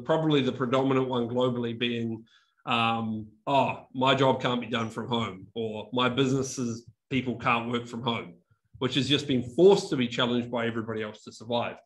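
Over a webcam video call with poor audio, a young conference speaker talks in a medium pitch from an indoor room with a brick wall and whiteboard. His New Zealand accent has been softened by years in Australia. The talk is chatty and casual, full of restarted words and self-directed laughter.

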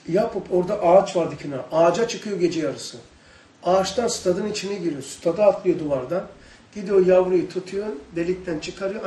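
A man's voice: sits high, dark tone. A man giving a religious study lesson, asking his listeners questions as he goes. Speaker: religious teacher. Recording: echoey room, distant mic.

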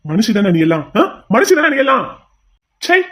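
A man's voice: sits high, fast talker. A man voicing a cruel male kidnapper in a cartoon drama, taunting and threatening his captive with mocking questions.

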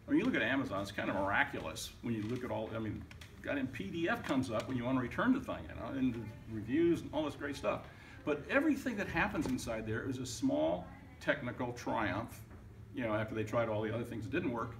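An older man speaking at a tech summit, answering audience questions in an emphatic, wry way with some hesitant fillers. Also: mid-range voice. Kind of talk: conversational Q&A answers. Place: dim event room with audience. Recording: distant, noisy event room.

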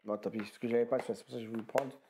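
A man's voice: mid-range voice, fairly even intonation, rapid-fire, darkish tone, a little hiss or hum. A tired man in casual talk, showing off his flea-market video game finds, rambling and often correcting himself with slang. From France. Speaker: retro game collector vlogger. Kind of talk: casual haul commentary.

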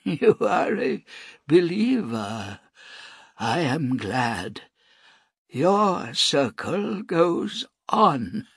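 A frail old priest breathes out his last words in a thin, raised voice, as a male narrator puts him on. The sound is breathy and stretched out slowly, recorded dry and close. It suits a storybook reading. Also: big pitch swings, dry recording, heavily acted. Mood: faint, serene. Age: older. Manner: high, thin, faint and slow. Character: dying old bearded priest, frail and serene.

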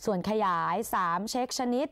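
A woman's voice: moderate pace, fairly bright tone, dry recording, clean studio sound. A young woman tutoring exam English in a chatty, playful way, casting herself as an older sister who coaxes her students along. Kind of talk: Thai exam-prep lesson.

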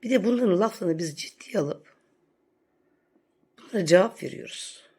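A woman vlogger rants to camera in a sarcastic, scolding commentary. Her voice has a gravelly, creaky edge at a middling pitch. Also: expressive, moderate pace, darkish tone. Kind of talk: ranting commentary vlog.

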